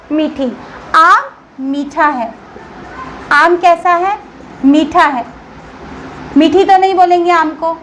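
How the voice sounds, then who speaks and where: A woman's voice: very high-pitched, a little hiss or hum, poor audio. A woman school teacher giving a grammar lesson to children, patiently asking questions and answering them herself.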